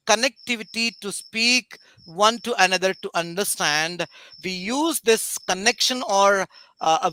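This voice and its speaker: Interview guest: Indian man, Telugu accent, bright high voice, deliberate explanatory delivery, dry sound. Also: no echo, poor audio. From Andhra Pradesh, India. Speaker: interview guest, foundation committee member.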